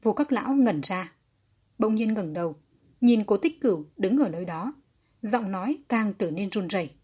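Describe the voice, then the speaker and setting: A woman narrating a historical fantasy audiobook in a steady, even storytelling manner. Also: medium pitch, moderate pace, husky.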